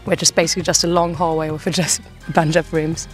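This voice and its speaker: A woman's voice: sits low, flat delivery, quick pace, soft background music. A young woman from Germany, a native German speaker, chatting casually about volunteering with an easygoing manner and frequent chuckles. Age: young adult. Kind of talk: casual group chat.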